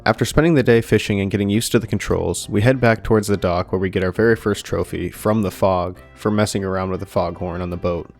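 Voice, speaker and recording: A young man narrating a scripted video game review in a steady, dry way with light jokes. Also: low voice, fast, few pauses. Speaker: gaming YouTuber. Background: soft background music.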